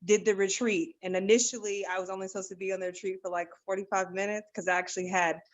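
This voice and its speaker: A woman's voice: medium pitch, little pitch movement, fast, low-quality recording. A young woman, out of breath, sharing a long-winded, earnest and enthusiastic testimonial on a video call. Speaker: program participant.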